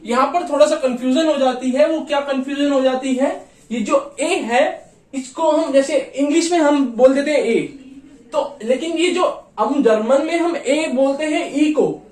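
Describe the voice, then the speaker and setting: A man teaching a beginners' lesson, patiently repeating each sound slowly. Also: extremely high pitch, darkish tone. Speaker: language teacher. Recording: echoey room, mic far off.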